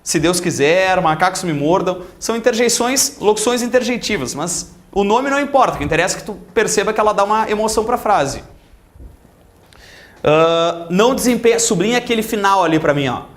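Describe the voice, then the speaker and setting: Brief: Gaúcho man, grammar teacher, high voice, animated and mimicking, echoey classroom sound. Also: fairly quick. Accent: Gaúcho Portuguese. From Rio Grande do Sul, Brazil. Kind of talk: lively classroom lecture with anecdotes.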